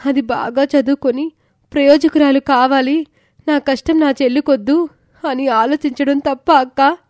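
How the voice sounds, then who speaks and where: A woman plays a young woman who has raised her sister alone, in an audio story. She talks earnestly, with a slightly high, pleading tone. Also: fairly even intonation, normal speed, darkish tone, dry recording, clean studio sound, lightly acted. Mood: hurt. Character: responsible young woman, caring older sister.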